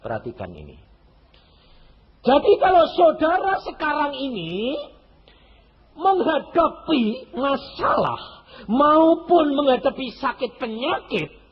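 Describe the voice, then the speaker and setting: A man's voice: very high-pitched, huge pitch swings, slow, pauses often. A male evangelist, preaching a sermon and teasing the congregation with rhetorical questions. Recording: dull echoey hall recording.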